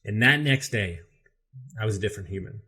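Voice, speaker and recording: A man speaking as a guest on a podcast, with a slightly low voice. He tells his story candidly and with energy, and swears freely. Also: brisk, breathy edge. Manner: candid, profane, animated storyteller. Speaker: podcast guest, business coach. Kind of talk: casual storytelling interview.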